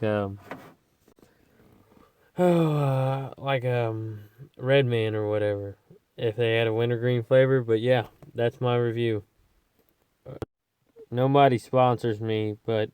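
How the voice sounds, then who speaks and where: A man's voice: medium pitch, a little mellow, clean tone, no room sound. A man giving a casual, rambling, plain-spoken vlog review, talking with a lip full of dip. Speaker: amateur product reviewer. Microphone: phone.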